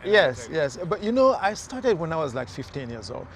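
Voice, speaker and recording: A man's voice: on the high side, very animated, moderate pace, slight background noise. A man from Haiti, a mayoral candidate, talking earnestly in a casual outdoor interview with many fillers and restarts. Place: outdoors in a city near traffic.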